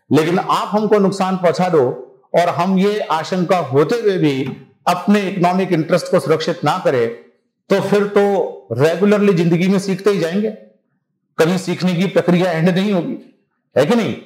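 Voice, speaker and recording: A man's voice: sits high, moderate pace, a little mellow, echoey room, low-quality recording. A man teaching a civil services exam class in a conversational lecture style, often checking that his students follow him.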